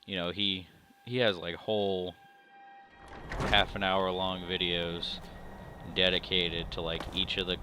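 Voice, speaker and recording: A man's voice: low voice, level tone, a little slow, pauses often, music in the background. A man hosting a gameplay video, chatting casually with lots of fillers, and hiccuping. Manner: rambling, filler-heavy, self-deprecating. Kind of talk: casual let's-play commentary.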